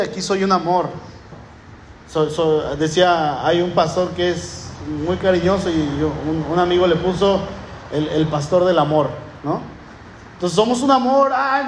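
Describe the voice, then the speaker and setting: High-voiced Mexican pastor preaching in an echoey church. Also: male voice, a little hiss or hum. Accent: Mexican Spanish. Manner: earnest preaching, slows down for emphasis. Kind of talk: sermon.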